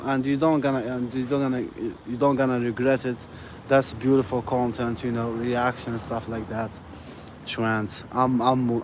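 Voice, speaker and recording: Out on a city street, an Algerian live streamer talks into his phone while walking, rambling in a friendly, casual way and using "you know" and "bro" all the time. His pitch is a typical middle range for a man, and street noise and passing vehicles come through clearly.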